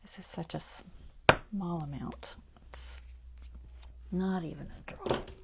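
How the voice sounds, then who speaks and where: A woman whispering softly as she paints, thinking aloud about colors and brushstrokes. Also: fairly low pitch, slow pace, vocal fry, heavy background noise.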